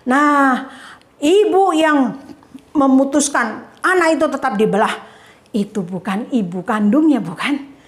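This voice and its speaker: A woman Sunday school teacher telling a Bible story to children in a lively, playful way, often addressing them directly. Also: high-pitched, unhurried. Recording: echoey room.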